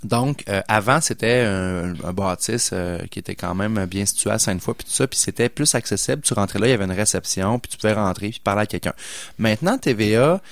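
A man's voice: on the low side, a little fast, no echo. A middle-aged man with a Québécois accent, hosting a podcast and telling a story in a chatty way, acting out the lines of the people he met, with lots of fillers. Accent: Québécois French. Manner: animated anecdote-teller, acts out dialogue, many fillers. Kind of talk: casual storytelling chat.

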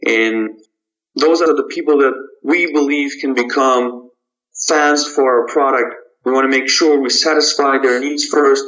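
Guest founder, male, from Kazakhstan; unhurried, halting delivery; muffled lo-fi audio. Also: mid-range voice, steady tone, fairly bright tone. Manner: halting, measured, frequent restarts. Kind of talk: podcast interview answers.

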